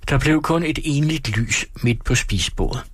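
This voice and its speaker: A man reading a novel aloud as an audiobook narrator, calm and steady. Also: medium pitch, slightly rough, no echo. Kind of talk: scripted narration.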